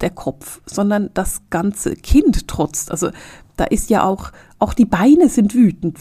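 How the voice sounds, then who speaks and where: A woman hosting a reflective podcast monologue, speaking straight to the listener and often dropping into soft, whispery phrases. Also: mid-range voice, husky, no room sound, clean studio sound. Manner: addresses the listener directly as "du". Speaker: podcast host.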